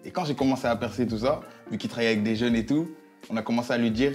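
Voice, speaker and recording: A man hosting a relaxed chat with friends over dinner, talking in slang and repeating his phrases. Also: mid-range voice, very fast, faint music behind. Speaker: host.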